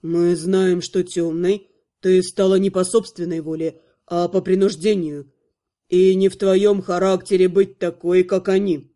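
A woman's voice: mid-range voice, steady tone, measured pace, mellow, pitched below the performer's own voice, close to an everyday voice. A woman voicing an insistent older male archmage who gives firm commands. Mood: stern. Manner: insistent, pressing.

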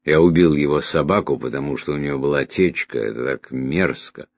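A man's voice: extremely low pitch, normal speed, no room sound. A man voicing a deranged, dying young man who rambles in a raised, agitated voice. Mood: fading. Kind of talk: audiobook character voice.

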